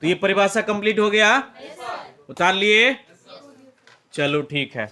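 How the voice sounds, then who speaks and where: Male physics teacher, Bihari Hindi accent, high and bright, coaxing a classroom to repeat terms. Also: measured pace. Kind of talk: classroom lecture with demonstration. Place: classroom with students.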